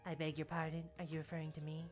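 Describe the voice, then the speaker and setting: A woman's voice: deep voice, monotone, rapid-fire, faint music behind. A woman voicing a level-headed, exasperated female game companion with a dry, formal, scolding manner. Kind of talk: video game dialogue read aloud by a streamer.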